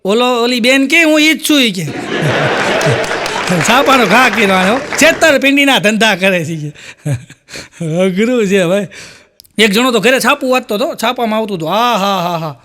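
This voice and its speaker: A man telling stand-up jokes, acting out the characters' lines in a higher voice. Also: lively intonation, measured pace, pushed and bright. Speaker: stand-up comedian.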